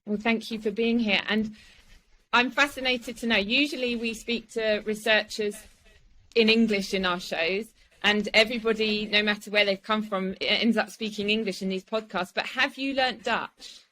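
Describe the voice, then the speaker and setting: A woman's voice: medium pitch, fairly even intonation, moderate pace, pushed and bright, poor audio. Woman hosting a research podcast. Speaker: podcast host.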